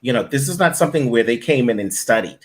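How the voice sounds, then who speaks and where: Speaking fast in a medium-pitched voice, a middle-aged man who coaches voice-over shares stories in a relaxed interview. He's an animated storyteller, performing the booth directions he gives.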